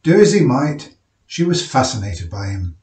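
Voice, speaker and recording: A man reading a short story aloud in a measured, careful way. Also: medium pitch, sing-song, a little mellow. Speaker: amateur reader. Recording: roomy room, mic at a distance.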